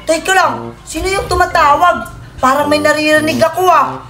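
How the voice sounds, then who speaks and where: A woman's voice: high-pitched, moderate pace, heavy background noise, natural voice. A woman voicing a teasing, jealous little boy in a comic skit, in a sing-song childish voice. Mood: curious.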